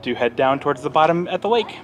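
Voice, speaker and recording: A young adult American man hosts a casual vlog outdoors. His voice sits a little high for a man, and he explains things in a chatty, easygoing style. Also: animated, fast talker. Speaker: vlog host. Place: outdoors on park trails and at a campground.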